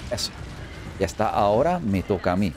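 A man giving excited let's play commentary, chatty and often repeating phrases in quick bursts. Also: fairly low pitch. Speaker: gameplay commentator. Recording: faint game music underneath.

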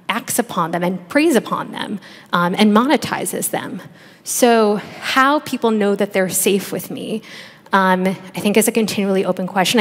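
A woman in her thirties speaks on a conference stage through a headset mic. She answers thoughtfully, circling back with fillers and restarts. Her medium-pitched voice carries a long hall reverb. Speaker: panelist, researcher and author. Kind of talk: panel discussion answer.

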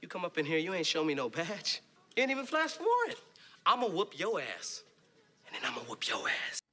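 A man's voice: on the high side, huge pitch swings, brisk, sharp tone, husky, heavily acted. An actor playing a tough male casino owner who threatens people in street slang. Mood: threatening. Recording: film clip with music under it.

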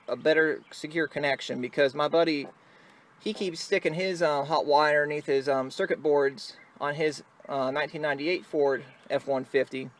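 A higher-pitched amateur video maker gives a casual, improvised how-to in and around a pickup truck cab, speaking plainly while his hands stay busy. The noisy handheld recording, made with a phone or camera held close to the work, picks up vehicle ambience.

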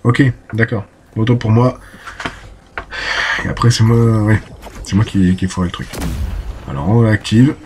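A man's voice: lowish voice, unhurried, long pauses, a little mellow, a little hiss or hum. Chatty man commentating a game. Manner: chatty, talks to himself, exclaims and curses during fights. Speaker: gameplay commentator. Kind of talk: casual let's play commentary.

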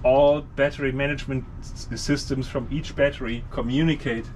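A man's voice: medium pitch, steady tone, moderate pace, darkish tone, slight background noise. A man in his fifties, a boat owner, giving technical explanations in an interview from a cramped engine hatch. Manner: technical, explains while pointing at equipment. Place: cramped engine hatch of a moored catamaran, outdoors.

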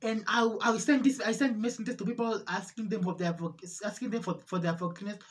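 A woman giving an emotional religious testimony, repeating herself and pleading, her voice rising into cries and halting with restarts. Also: medium pitch, fairly even intonation. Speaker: testimony speaker.

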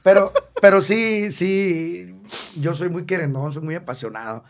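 Sitting high in pitch and keeping a measured pace, this man is a Mexican singer in his 50s being interviewed casually as a guest. He talks candidly and with emotion, cracking jokes and repeating words to stress them.

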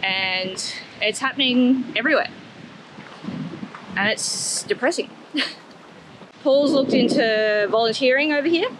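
A woman's voice: fairly high pitch, a bit bright, rough recording. A woman in her thirties with an Australian accent, chatting wryly to camera on a beach for a travel vlog. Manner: wry, chatty, talks while climbing. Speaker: travel vlogger. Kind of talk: casual chat. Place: outdoors on a tropical beach. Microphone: camera held close. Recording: wind and outdoor noise.

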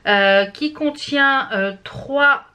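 A woman's voice: high voice, very slow, sharp tone. A woman from France chatting casually through a makeup product review, with many fillers and restarts. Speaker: beauty vlogger.

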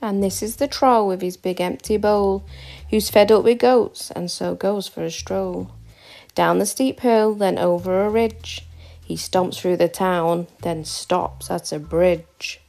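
Female storybook reader, slow rhythmic rhyme, creaky edges, soft music underneath. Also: fairly low pitch. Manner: rhythmic rhyming read-aloud. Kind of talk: reading a picture book aloud.

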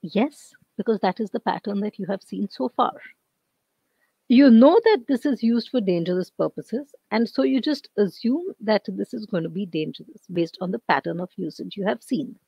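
Indian english woman, lecturer, hoarse voice, clears her throat, dull dry computer-mic sound. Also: mid-range voice, lively intonation, moderate pace, no room sound. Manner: clears throat often, explanatory. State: losing her voice. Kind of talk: online lecture.

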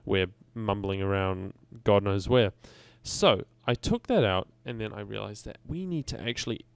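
Man, coding tutorial host, casual and rambling, corrects himself often, gravelly, dry close sound. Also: fairly low pitch, moderate pace, no room sound. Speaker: game development tutorial host.

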